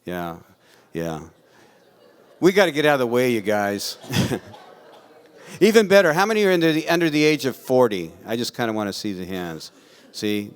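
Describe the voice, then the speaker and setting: A man hosting an event, casually introducing a guest speaker to the audience with warm praise. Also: lowish voice, smooth. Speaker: event host.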